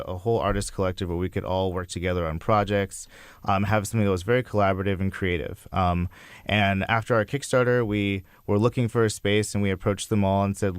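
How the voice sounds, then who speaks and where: A man's voice: deep voice, clear, resonant tone, no echo. A young man talking casually as a guest in an interview. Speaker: interview guest, creative entrepreneur.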